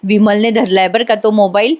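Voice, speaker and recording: A woman's voice: medium pitch, fairly even intonation, normal speed, darkish tone. A woman giving a chatty voice-over recap of a TV serial, addressing her viewers directly. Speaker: serial reviewer. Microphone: close mic voice-over.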